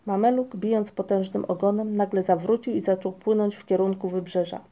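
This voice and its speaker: A woman reads a children's tale aloud at a measured pace. Her voice is very dark and mellow, with a gravelly fry under the words. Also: mid-range voice, fairly even intonation. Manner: measured storytelling. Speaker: audiobook narrator. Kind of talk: scripted narration.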